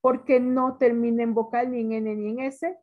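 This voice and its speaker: Heard through narrow, tinny audio, a teacher with a Mexican accent leads a lesson with little pitch movement in a voice that's a little high. She slowly stretches out words and tests her students with questions.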